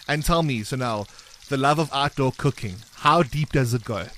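A South African man hosts an upbeat breakfast radio game segment, chirpy and teasing with quick patter. His mid-range voice is a bit bright, and there's a little hiss or hum in the recording.

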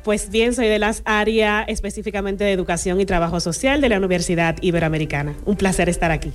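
A woman's voice: mid-range voice, fast, soft background music. Cheerful Dominican woman lecturer. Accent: Dominican Spanish. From Dominican Republic. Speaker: visiting university lecturer.

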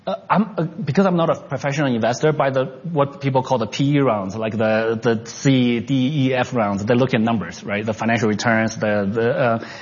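Speaking off the cuff in an interview, this investor and entrepreneur, born in China and raised in Canada, stumbles through restarts and fillers. He has a slightly rough, mid-range voice. The recording has a big-room sound and dull audio.

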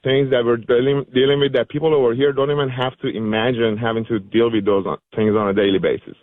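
A man's voice: medium pitch, fairly even intonation, fast. A man who grew up in Iran, calling in to a radio show, fervent and grateful, speaking with frequent ums and likes. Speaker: caller. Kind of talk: phone-in call. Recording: tinny phone line.

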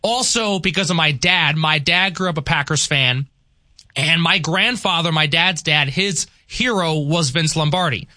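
Bright, eager young man on talk radio. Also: a little high, a little slow, dry recording. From New York, Long Island. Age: young adult. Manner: enthusiastic, talkative. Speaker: radio guest host.

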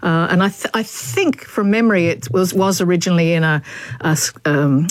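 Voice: medium pitch, fairly quick, no echo. A language expert on radio, explaining the history of words patiently and in a scholarly way.

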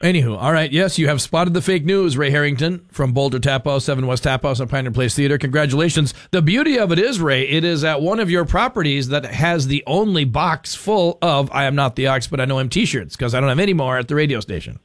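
Chatty talk radio host, dry studio sound. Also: male voice, fairly high pitch, brisk, few pauses, dry recording. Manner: chatty, banters with callers and producer. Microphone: studio microphone.

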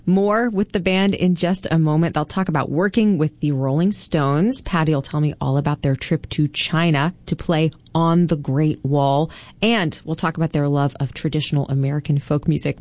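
A woman hosting a music radio show, announcing on air in a smooth radio host delivery from a studio microphone. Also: low voice, a little mellow, no echo.

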